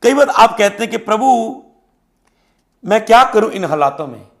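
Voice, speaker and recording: A man's voice: high voice, expressive, moderate pace, fairly bright tone. A man, a pastor, preaching a sermon and voicing the anxious prayers of troubled believers. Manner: voices the prayers of troubled believers, rising and urgent.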